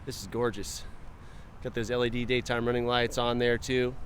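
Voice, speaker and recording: Man, mid pitch, casual dealership walkaround, chatty asides, faint street noise outdoors. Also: level tone, moderate pace. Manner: friendly, chatty, remarks to himself as he goes. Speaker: car dealership presenter. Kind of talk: casual vehicle walkaround narration. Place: outdoors around a car, then inside it.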